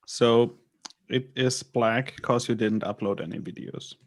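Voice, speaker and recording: A man's voice: medium pitch, fairly even intonation, a little slow. A man on a video call giving patient step-by-step technical instructions. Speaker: workshop helper guiding setup.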